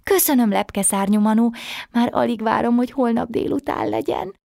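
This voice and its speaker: A woman's voice: fairly high pitch, gravelly, warm tone, no room sound, studio quality, pitched above the performer's own voice. A woman doing a small, wondering little girl. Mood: delighted. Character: shy little kindergarten girl who misses her mother. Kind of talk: bedtime story reading.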